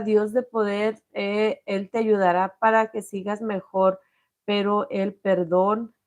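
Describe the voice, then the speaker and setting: A woman's voice: mid-range voice, darkish tone. A middle-aged Mexican woman giving a heartfelt personal testimony, calling her listeners "corazón". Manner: emotional, addresses viewers as corazón. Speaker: host sharing testimony.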